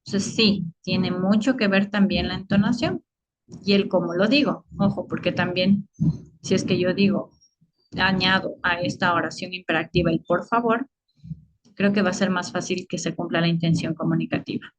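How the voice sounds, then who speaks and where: A woman's voice: on the low side, fairly even intonation, normal speed, rough recording. A woman teaching a class over a video call, explaining at length with many fillers and frequent checking questions. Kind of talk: online lecture.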